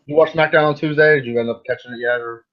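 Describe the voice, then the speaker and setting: A man's voice: medium pitch, steady tone, fast. A man co-hosting a casual wrestling chat, talking bluntly and rambling with mild swearing. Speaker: co-host. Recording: dull lo-fi sound.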